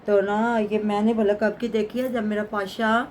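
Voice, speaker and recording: A woman's voice: medium pitch, level tone, normal speed, darkish tone. A middle-aged woman talks through a casual vlog commentary. She is chatty and pious and often adds blessings. A faint hiss sits under her voice. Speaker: vlogger.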